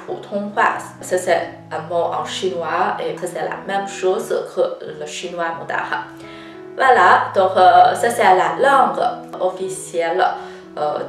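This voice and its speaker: Slow-spoken Chinese woman teaching, roomy sound. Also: lowish voice. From China. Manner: frequent hesitations with "euh", deliberate and patient. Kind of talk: slow, careful language lesson. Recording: roomy, slightly distant mic with faint guitar music.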